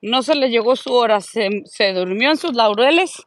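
A woman chatting casually into her phone while she walks outdoors, and she coos in a high voice at the dogs she passes. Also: expressive, moderate pace, slight background noise. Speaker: vlogger. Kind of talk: casual walking vlog. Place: outdoors on a neighborhood street. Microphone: phone held while walking.

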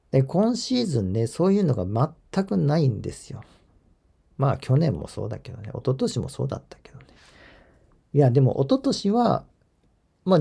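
A man's voice: medium pitch, vocal fry, warm tone, husky. A man hosting a golf channel, reading viewer comments in a chatty, rambling way and chuckling at his own asides. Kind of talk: casual spoken commentary.

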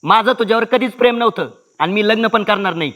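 An actor playing a callous young village lover, dismissive and mocking. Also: male voice, high voice, quick pace, bright, forceful tone.

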